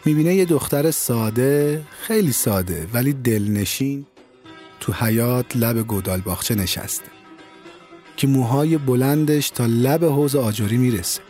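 A man narrating an audio story in a calm, measured storytelling manner, recorded close to the mic. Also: medium pitch, soft background music.

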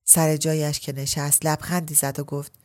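Low-voiced woman reading a story. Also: level tone, a little mellow. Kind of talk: literary audiobook narration.

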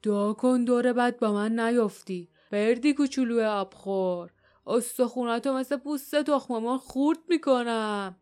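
A woman narrator voicing a greedy, hot-tempered male warrior who talks loudly and threatens in a storybook reading. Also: on the low side, flat delivery, few pauses, voice pushed down, close to an everyday voice. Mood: menacing. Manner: loud, threatening, gloating.

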